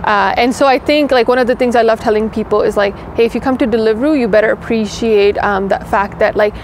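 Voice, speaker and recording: A young woman who grew up in Toronto, answering interview questions in a quick, chatty way with lots of "like" fillers, recorded outdoors in a city courtyard. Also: a little high, fairly even intonation, a little hiss or hum. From Pakistan, raised in Toronto. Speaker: engineering director, interview guest.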